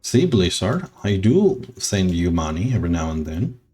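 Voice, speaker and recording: A man streaming a game, talking slowly and sentimentally, rambling with soft laughs. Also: sits low, sing-song, husky, faint music behind. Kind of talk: casual game stream chat.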